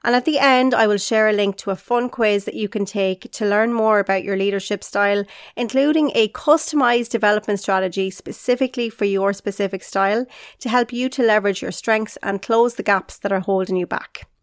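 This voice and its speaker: This leadership coach and podcast host talks a little fast in a medium-pitched voice, addressing listeners directly with upbeat encouragement on her solo show. Being unwell leaves her slightly nasal and congested. The sound is clean and studio quality, with no echo.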